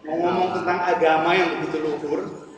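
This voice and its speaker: Brief: male lecturer, high pitch, didactic, checks in with the crowd, distant mic in a very reverberant hall. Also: flat delivery, brisk. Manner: didactic, keeps checking with the audience by asking "ya kan?". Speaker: lecturer at a religious congress. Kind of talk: religious lecture to an audience. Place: large lecture hall at a congress. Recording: very echoey hall from far off, faint noise.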